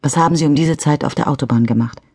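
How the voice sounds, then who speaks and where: A woman's voice: low voice, fast talker, a little mellow, husky, dry recording, clean studio sound. Woman reading a firm, probing police detective. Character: calm, persistent female police detective. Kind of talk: audiobook character reading.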